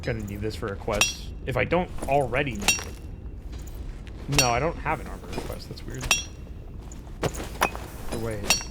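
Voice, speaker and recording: A man doing casual live game commentary for his chat, profane and excitable in his talk. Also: mid-range voice, unhurried, long pauses, very noisy. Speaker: game streamer. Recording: game music behind voice.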